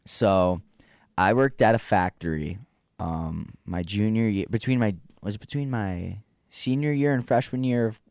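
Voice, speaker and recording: Young male radio host, slightly low, dry studio sound, animated storyteller. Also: measured pace, no room sound. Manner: animated, mocking storyteller who acts out others' voices. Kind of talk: casual storytelling chat.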